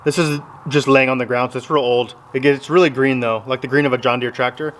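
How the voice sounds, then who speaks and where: A man in his thirties from Texas, a farmer vlogger, chats casually to his phone camera inside a big open metal barn, rambling through explanations in an easygoing way. His voice is medium-pitched and fairly bright, with fairly even intonation and a fast pace. The phone is handheld at arm's length.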